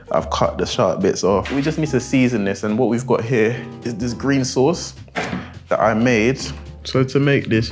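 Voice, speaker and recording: A young man, cooking in a home kitchen and chatting in a playful, jokey, slangy way. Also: on the low side. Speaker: cooking vlogger. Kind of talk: casual cooking vlog.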